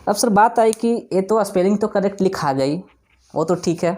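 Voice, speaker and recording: Man, teacher, classroom lesson, explanatory, repeats words slowly for drilling. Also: sits high, a little mellow. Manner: explanatory, asks and answers his own questions. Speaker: English teacher.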